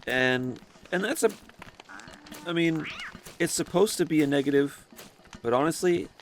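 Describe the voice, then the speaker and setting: A man's voice: on the high side, a little slow, slight background noise. A man hosting a casual let's-play, thinking aloud as he plays and often rambling and correcting himself. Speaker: gaming video host.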